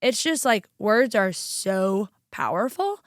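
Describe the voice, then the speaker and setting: A woman's voice: mid-range voice, animated, takes it slowly, no room sound. Chatty upbeat woman, dry close sound. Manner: upbeat, chatty, lots of fillers. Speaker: chiropractor and guest. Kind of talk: casual podcast conversation.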